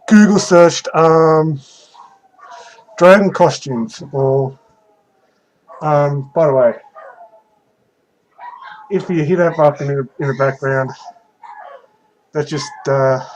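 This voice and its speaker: A young man speaks in a slightly high voice at a slow pace. He talks casually and without a script, like a vlogger taking viewer questions. His delivery is halting and hesitant, with frequent pauses in the middle of sentences. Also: a little hiss or hum, poor audio. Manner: halting, hesitant, pausing often mid-sentence. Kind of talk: casual unscripted question-and-answer talk.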